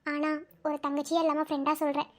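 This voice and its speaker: A woman voicing a caring younger sister who calmly comforts and advises her older sister. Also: high-pitched, quick pace, pitched below the performer's own voice, close to an everyday voice. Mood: soothing. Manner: soothing, advising.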